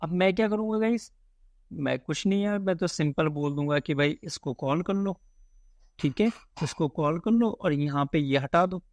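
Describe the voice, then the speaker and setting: High-voiced man chatting through a coding lesson. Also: moderate pace, dry recording. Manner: chatty, thinks aloud while typing, says "guys" and "yaar" often. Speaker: coding tutor. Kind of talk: casual screen-recorded coding lesson.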